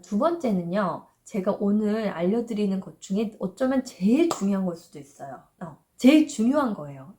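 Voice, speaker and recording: A woman in her thirties explaining parenting advice in a gentle, reassuring way, sometimes voicing the worried thoughts of parents and children. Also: medium pitch. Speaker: parenting educator.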